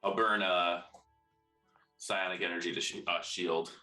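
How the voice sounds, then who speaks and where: A man's voice: sits low, steady tone, unhurried, sharp tone. A man playing a tabletop role-playing game, calling out his moves casually and thinking aloud. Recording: roomy echo, faint music behind.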